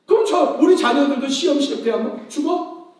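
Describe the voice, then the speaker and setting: A man preaching a sermon as pastor, animated, firing rhetorical questions at the congregation and acting out the people in his stories. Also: extremely high pitch, normal speed. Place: church sanctuary. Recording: very echoey hall, voice from a distance.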